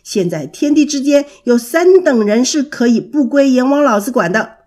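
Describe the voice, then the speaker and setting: A wise old gibbon explains with calm, measured authority, voiced by a woman telling a children's story. The tone is mellow and breathy and slows down on important words. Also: on the low side, voice pushed down, full character voice. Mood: knowing.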